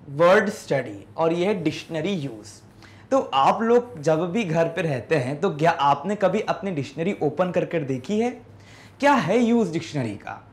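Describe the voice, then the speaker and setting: A man teaching an English class, explaining step by step and often checking in with students. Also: on the high side. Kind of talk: classroom lesson in Hindi with English words.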